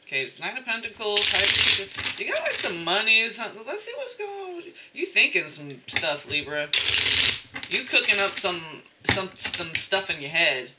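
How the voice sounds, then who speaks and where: Very animated and medium-pitched, a woman talks through a tarot reading at a moderate pace, rambling playfully with frequent exaggerated asides. Heavy background noise is present.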